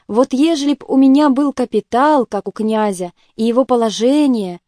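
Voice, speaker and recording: A woman's voice: fairly high pitch, normal speed, warm tone, dry recording, clean studio sound, close to an everyday voice. A woman reading an audiobook, voicing a bitter, self-pitying male doctor who groans and breaks into agitated outbursts.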